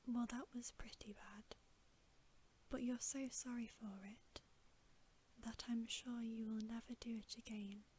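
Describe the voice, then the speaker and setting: Woman acting little girl, high whisper, earnest, concerned, kind, ASMR storybook, faint hiss. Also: steady tone, a little slow, a little mellow, natural voice. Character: anxious, kind-hearted little girl, questioning and consoling.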